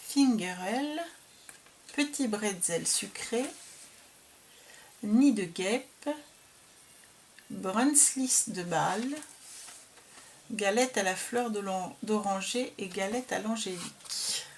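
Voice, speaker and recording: A woman talking casually as she shows and describes a handmade craft album, hesitant and full of pauses. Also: medium pitch, a little hiss or hum. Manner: slow, hesitant, filled with "euh". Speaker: craft vlogger showing a received album. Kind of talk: casual show-and-tell.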